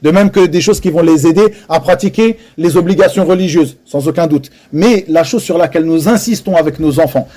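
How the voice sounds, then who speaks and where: A man addresses a live audience in French with a religious lesson, his warm voice on the high side, a little fast and with few pauses. Earnest and emphatic, he repeats important phrases and weaves Arabic religious terms into his speech.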